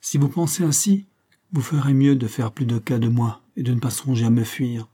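A man's voice: mid-range voice, moderate pace, mellow, breathy edge, lightly acted. A man voicing an outspoken young woman in an audiobook, speaking emphatically and with indignation. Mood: affectionate firm.

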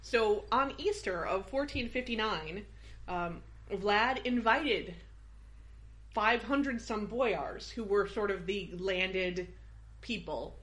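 A woman tells a history story in a relaxed podcast chat. She wanders with fillers and restarts and breaks into laughs often, in a voice of average pitch. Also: slow pace. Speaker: podcast host telling history.

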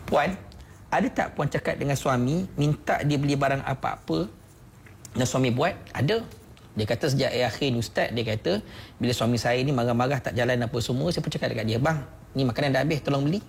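Gravelly Malaysian man giving radio motivation. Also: medium pitch, fairly quick, a little hiss or hum. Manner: persuasive, addresses listeners directly with repeated questions. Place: radio studio.

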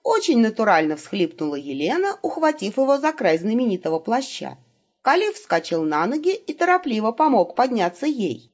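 A woman narrating a humorous fantasy audiobook with expressive, ironic delivery. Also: medium pitch, muffled recording. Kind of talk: scripted narration.

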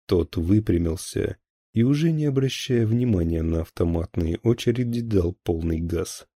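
A man narrating a thriller audiobook in a steady, even storytelling voice. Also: sits low, moderate pace, husky, no room sound.

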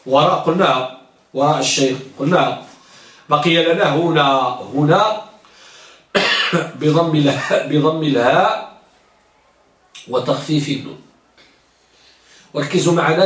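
A man's voice: high voice, pushed and bright. A man teaching an Arabic grammar lesson. He asks his students questions and answers them himself, repeats key words and recites verses of grammar poetry. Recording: echoey room, mic at a distance.

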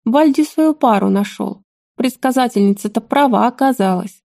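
A woman voicing a soft-spoken, calm old grandmother. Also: a little high, normal speed, gravelly. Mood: gentle. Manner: soft, soothing.

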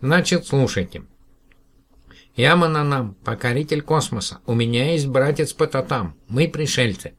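A man's voice: lively intonation, moderate pace, close to an everyday voice. A man voicing a tiny, childlike alien cosmonaut who boasts and speaks earnestly in a raised, piping voice. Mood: proud. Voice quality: high, piping voice. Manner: earnest, declaiming.

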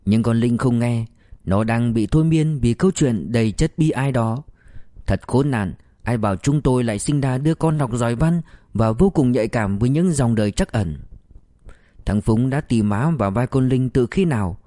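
A man narrating an audiobook story in a measured, expressive storytelling manner. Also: medium pitch, dry recording, clean studio sound.

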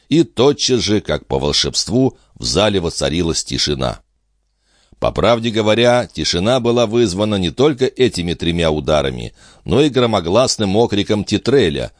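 A man narrating an audiobook in expressive storytelling manner. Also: deep voice, dry recording, clean studio sound.

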